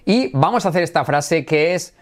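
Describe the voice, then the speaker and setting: A man's voice: a little high, animated, moderate pace. Upbeat man teaching English sounds. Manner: enthusiastic, switches between Spanish and English, repeats words for practice. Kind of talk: energetic online language lesson.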